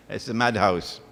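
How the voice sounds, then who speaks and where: A man's voice: on the low side, vocal fry, a bit bright. A man giving a religious lecture, emphatic and repeating his phrases. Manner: emphatic, repeats phrases, recites Arabic verses. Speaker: Islamic lecturer. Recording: long hall reverb.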